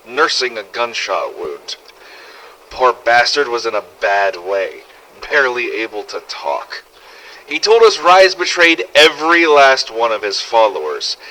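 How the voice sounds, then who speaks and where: A mid-range, sharp-toned male voice carries a scripted first-person survival story, told in character as the narrator of fan-made game audio logs. The delivery is dramatic and gritty with some swearing, and the recording is rough.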